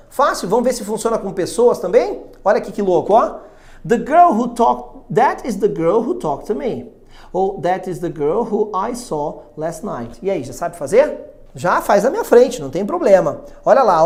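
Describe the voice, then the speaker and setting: A man with a Brazilian Portuguese accent teaching an English lesson, lively and often checking in with quick tag questions. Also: sits high. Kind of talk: classroom-style video lesson.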